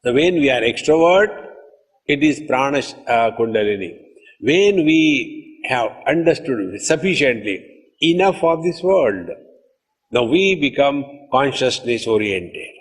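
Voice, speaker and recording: A man's voice: medium pitch, measured pace, breathy edge. A man, a spiritual teacher giving a discourse, telling anecdotes and acting out the people in them. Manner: animated storytelling, acts out quotes. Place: lecture hall. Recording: echoey hall recording.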